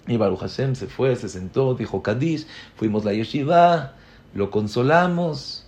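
Slow gravelly rabbi. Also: male voice, mid-range voice, expressive. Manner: builds to loud emphatic peaks; acts out quoted people. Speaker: rabbi giving a Torah class. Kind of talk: Torah lecture.

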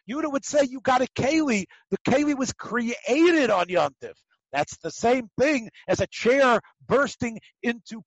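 A man teaching a religious text class in a lively conversational way, posing questions and answering them himself, repeating phrases for emphasis. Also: very high-pitched, no room sound, low-quality recording.

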